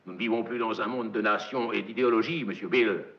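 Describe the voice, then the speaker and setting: An actor playing a domineering, messianic corporate magnate in a film monologue, with hammy, theatrical stage declamation and a gravelly voice. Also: male voice, lowish voice, quick pace, natural voice. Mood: hushed, evangelical. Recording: dull, echoey film soundtrack.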